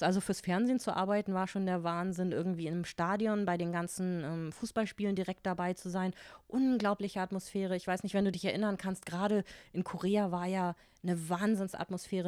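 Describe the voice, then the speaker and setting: A German-speaking woman in her forties, appearing as a guest in a relaxed interview, tells lively stories from her life and acts out her own quoted thoughts. Her voice is fairly low, brisk and smooth, captured cleanly in a studio with no echo.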